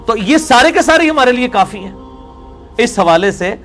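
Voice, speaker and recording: A man's voice: very high-pitched, lively intonation, fairly bright tone. A man delivers a religious lecture. He works through scripture verse by verse in a combative way. Faint music plays under his voice. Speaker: religious scholar.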